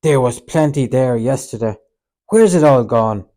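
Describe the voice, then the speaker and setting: Man voicing Peter, a loud, hot-tempered disciple. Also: mid-range voice, unhurried, close to an everyday voice. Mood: angry. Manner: forceful, angry, then remorseful. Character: Peter, fiery protective male disciple, quick to anger. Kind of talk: audiobook reading.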